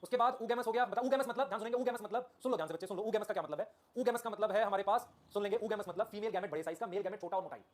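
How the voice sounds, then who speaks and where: Male biology tutor, live online class, very fast talker, constantly checks understanding, repeats terms, fairly high voice for a man. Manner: addresses students affectionately as children; repeats key terms over and over. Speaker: biology teacher.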